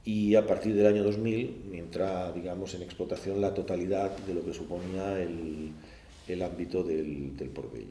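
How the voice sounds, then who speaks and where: A former port project manager in his sixties, from Barcelona and speaking with a Barcelona Spanish accent, gives oral history testimony at a panel discussion. His low, warm voice recounts memories in a measured, explanatory way, often ending phrases with a questioning tag. The room sounds roomy and echoey, with faint background noise.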